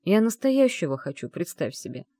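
A woman reading an audiobook, voicing a calm young man who speaks quietly and insistently. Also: lowish voice, normal speed, dry recording, clean studio sound. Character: calm persuasive young male lord.

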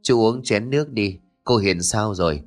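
A man's voice: fairly low pitch, expressive, moderate pace, soft background music, lightly acted. A man voicing a kindly older village neighbour who offers tea and asks about the family. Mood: concerned. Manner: hospitable, concerned.

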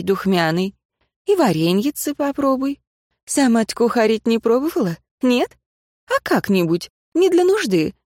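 A woman's voice: mid-range voice, a little mellow, no room sound, clean studio sound. A woman voicing a shrewd, homely older village woman who talks in folksy, plain speech.

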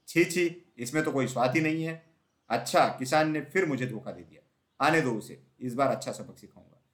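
A growling, threatening bear in a children's audio story, as a man puts him on. He raises his voice and shouts his demands, sounding furious at being cheated. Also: medium pitch, lively intonation, fairly quick, echoey room, natural voice. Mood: disgusted, vengeful. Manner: loud and threatening. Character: angry male bear demanding his share.

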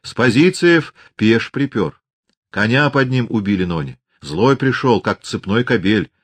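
A man's voice: fairly low pitch, lively intonation, unhurried. A man reading an audiobook and voicing a talkative rustic Cossack orderly who grumbles in chatty dialect. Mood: grumbling.

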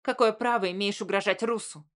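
Casting: woman voicing an enraged weepy young sister, shrill, audiobook. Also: fairly even intonation, a little fast, natural voice. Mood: accusing. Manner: shrill, sobbing outbursts.

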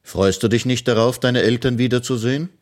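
A man voicing a brave little boy who frees kidnapped children, in a raised, bright storybook voice. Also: medium pitch, fairly even intonation, fairly quick, pitched above the performer's own voice, close to an everyday voice. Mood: caring. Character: brave little boy hero, eager and proud.

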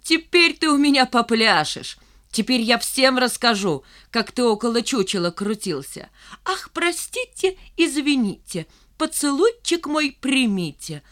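A woman reading an audiobook, voicing a teenage boy bully who jeers and shouts taunts. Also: fairly high pitch, moderate pace, hardly any pauses, natural voice. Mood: mocking. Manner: jeering, shouting.

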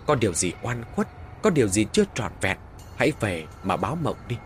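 A man voicing an old village elder who murmurs a solemn prayer in a low voice. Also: very animated, brisk, a little hiss or hum. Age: older.

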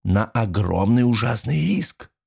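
A man's voice: lowish voice, lively intonation, gravelly, a little mellow, slightly rough, full character voice. A man doing a gloating, lecherous jailer. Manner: slow, gloating, menacing. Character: lecherous, vindictive male jailer. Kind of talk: audiobook reading.

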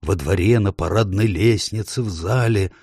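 A man voicing a gruff, kindly male beaver in an audiobook, speaking emphatically and slowing down on the weighty words. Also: deep voice, a little mellow, no echo, studio quality. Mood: earnest. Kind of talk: audiobook character voice.

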